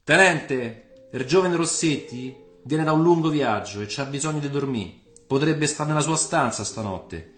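A man's voice: fairly high pitch, expressive, unhurried, hardly any pauses, fairly bright tone, pitched above the performer's own voice. A man voicing a jovial, folksy Roman tavern philosopher with a Roman accent and a sing-song manner, in a radio play. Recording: roomy room with faint music.

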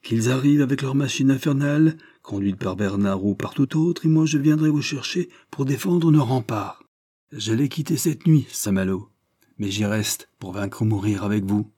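A man voicing a defiant young male hero in an audiobook, loud and scornful as he rallies townsfolk. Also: mid-range voice, normal speed, slightly rough, dry recording, studio quality, pitched above the performer's own voice, lightly acted. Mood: rallying.

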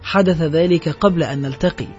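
A man's voice: fairly high pitch, fairly quick, natural voice. A man reading as a bitter, scornful man on the run. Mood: reassuring. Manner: mocking, self-assured. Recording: dull audio with soft background music.

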